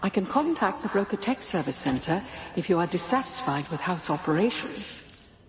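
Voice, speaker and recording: A woman voicing a calm, formal female home AI in a game, speaking in a synthetic robot-like voice with measured, polite phrasing. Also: on the low side, noisy background. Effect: synthetic robot-like computer voice. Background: game music.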